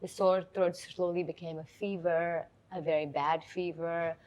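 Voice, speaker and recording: A woman's voice: lowish voice, little pitch movement, a little slow, a little mellow, dull audio. A woman in her thirties, a guest on an interview show, chatting casually and acting out quoted lines as she tells her stories. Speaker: guest, content creator and entrepreneur.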